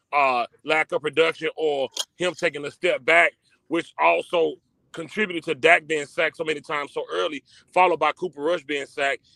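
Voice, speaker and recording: Gravelly bright-voiced man calling in. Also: on the high side, no room sound. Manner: explains at length, detailed. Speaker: caller. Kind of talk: casual sports chat.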